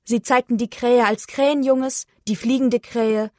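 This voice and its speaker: A woman reading a children's story aloud in a slow, expressive storytelling manner. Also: a little high, no echo, studio quality.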